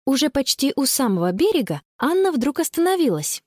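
A woman reads a children's story aloud in a fairly high voice with a lively, sing-song lilt. She voices the characters as she reads, and the recording is close and dry with no room sound. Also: a little fast, no echo. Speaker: narrator. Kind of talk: children's audiobook narration.

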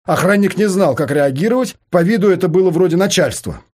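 Man, audiobook narration, husky, animated, somewhat high. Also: fairly quick.

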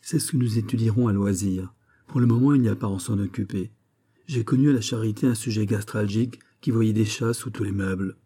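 Man reading a classic story, dark low voice, husky, measured. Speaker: audiobook reader. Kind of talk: literary audiobook narration.

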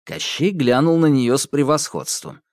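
A man narrating a fairy tale audiobook, expressive and acting out voices. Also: medium pitch, normal speed, no echo, clean studio sound. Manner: expressive storytelling, acts out voices.

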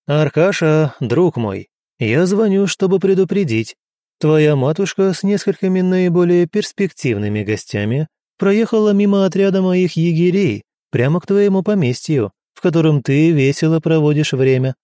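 A man's voice: medium pitch, normal speed, a little mellow, no echo, clean studio sound, natural voice. A man voicing a young male nobleman who teases a rival in a purring, mocking way. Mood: purring mockery. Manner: purring, teasing.

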